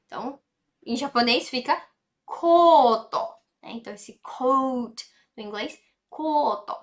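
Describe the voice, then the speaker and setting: A woman with a Brazilian Portuguese accent teaching a Japanese lesson, chatty, with many tag questions, slowly repeating phrases for drilling. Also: sits high. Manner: frequent tag questions, animated emphasis. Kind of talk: online language lesson.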